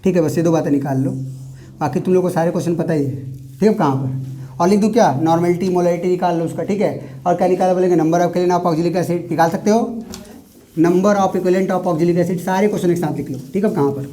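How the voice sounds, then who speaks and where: A man teaching chemistry in a classroom, quizzing his students call-and-response questions in an animated way. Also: high voice, fast talker, slight background noise. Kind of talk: classroom lecture.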